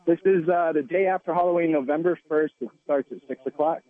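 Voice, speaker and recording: A chef calling in by phone to a radio show, relaxed and joking in casual chat. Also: male voice, on the high side, a little fast, dry recording. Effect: voice heard over the phone. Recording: tinny phone line.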